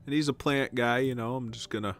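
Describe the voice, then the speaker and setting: A man with a mid-range voice and fairly even intonation comments briskly and casually while streaming a decorating game, muttering to himself as he places furniture. Soft music plays in the background of this let's-play commentary.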